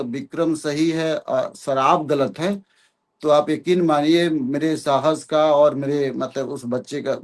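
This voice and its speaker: A man's voice: on the high side, darkish tone. Earnest man telling a childhood story. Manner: earnest, hesitant with many fillers. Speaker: interview guest. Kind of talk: personal storytelling in conversation.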